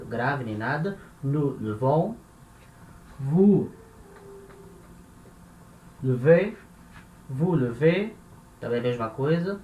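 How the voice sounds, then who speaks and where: A man's voice: medium pitch, darkish tone. A man with a Brazilian Portuguese accent, teaching a lesson and patiently repeating and spelling out each example. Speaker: language teacher. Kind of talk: explaining French grammar in Portuguese. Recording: echoey room with faint noise.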